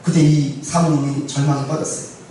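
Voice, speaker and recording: A male pastor preaching a sermon, telling a story in an animated way and asking rhetorical questions. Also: fairly high pitch, fairly quick, distant mic. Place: church sanctuary. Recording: very echoey church hall from afar, faint noise.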